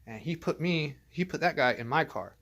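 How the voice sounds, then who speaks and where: A man's voice: fairly high pitch, animated, moderate pace, a bit bright. A man vlogging as he tells a personal story in a casual, rambling way, swearing often and restarting his sentences with many fillers.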